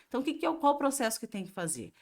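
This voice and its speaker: A woman's voice: fairly high pitch, big pitch swings, gravelly. A woman teacher with a Brazilian Portuguese accent giving a grammar review lesson, explaining step by step and asking herself questions before answering them. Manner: slow and explanatory, asks and answers her own questions.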